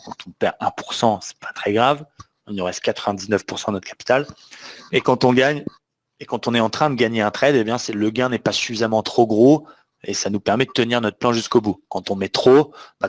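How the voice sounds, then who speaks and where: A man teaching a live online trading webinar, talking emphatically and often checking that the audience understands. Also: mid-range voice. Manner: emphatic, asks the audience questions. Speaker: trading trainer.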